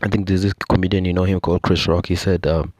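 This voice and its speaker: Low-voiced Kenyan man explaining. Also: flat delivery, fast talker, darkish tone, no echo. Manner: explanatory, frequent "you know" and "I think" asides. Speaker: podcast host. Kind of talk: casual monologue.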